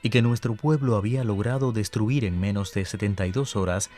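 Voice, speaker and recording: A man with a Cuban accent reading a scripted historical radio series in a measured, formal way. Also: fairly low pitch, dark tone, soft background music. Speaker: radio announcer.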